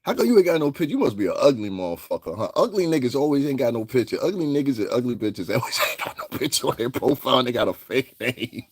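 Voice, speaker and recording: A man's voice: medium pitch, big pitch swings, quick pace, breathy edge. A man, casually chatting on a live stream, brash and mocking, laughing often as he answers comments. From northeastern United States.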